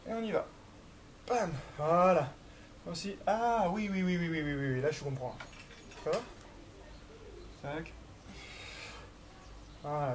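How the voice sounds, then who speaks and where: A woman's voice: on the low side, a little mellow, slight background noise. A woman coaching a workout in a chatty, encouraging way, counting reps aloud and exerting herself as she talks. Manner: chatty, encouraging, thinking aloud with little filler sounds. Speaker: fitness instructor leading a workout.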